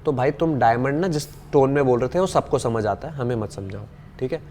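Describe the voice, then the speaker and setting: A young man, a reality show contestant appearing as a guest in a casual interview, talks fairly quickly at an ordinary mid pitch with a darkish tone. He's emphatic and argumentative, pushing his points hard and slipping English phrases into his speech, while a faint hum of background noise runs underneath.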